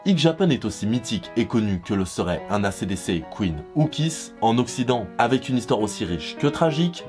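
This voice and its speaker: A man's voice: medium pitch, a little mellow. A young man giving scripted, enthusiastic commentary on music, with a self-mocking humor. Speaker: music reviewer.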